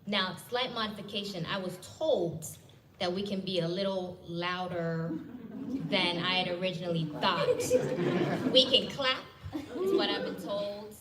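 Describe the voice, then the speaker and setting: A woman's voice: medium pitch, a little slow. A woman from Ghana, giving a rousing rally speech and drawing call-and-response from the crowd. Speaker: rally speaker, legal director. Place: indoor hall at a rally. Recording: echoey hall, distant mic, noisy.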